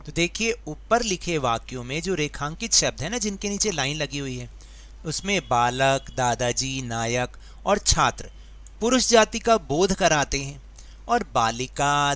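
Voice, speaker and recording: A man's voice: mid-range voice, pushed and bright. A man teaching a grammar worksheet, explaining patiently step by step and asking his students questions. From India. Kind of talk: worksheet lesson.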